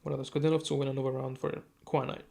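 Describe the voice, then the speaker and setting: A man casting a live esports match, giving quick play-by-play with chatty asides and self-corrections. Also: medium pitch, vocal fry. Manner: rapid, self-correcting, chatty asides, sudden excited outbursts. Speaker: esports caster.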